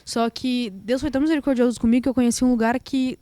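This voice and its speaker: Fast-talking southern Brazilian woman. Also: on the high side, dry recording. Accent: southern Brazilian, Rio Grande do Sul. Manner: lively storytelling, acting out quoted voices. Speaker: podcast guest. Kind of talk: personal faith testimony in a podcast chat.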